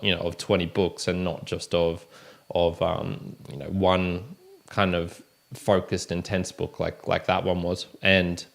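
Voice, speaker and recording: A man's voice: sits low, gravelly. A man hosting his book review channel, talking casually through a monthly recap, rambling and correcting himself as he goes. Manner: rambling, self-correcting, frequent restarts.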